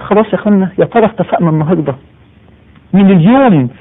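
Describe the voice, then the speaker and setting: A man preaching a sermon in Egyptian Arabic, swinging from low solemn lines to high, crying pleas to his listeners. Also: expressive, rapid-fire, phone-quality sound. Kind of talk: impassioned televised sermon.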